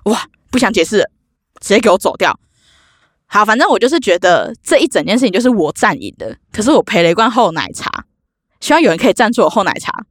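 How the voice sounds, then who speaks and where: Young woman, vlog storyteller, very lively pitch, dry close mic. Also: fast, no echo. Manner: animated, acts out quoted dialogue. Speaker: vlogger.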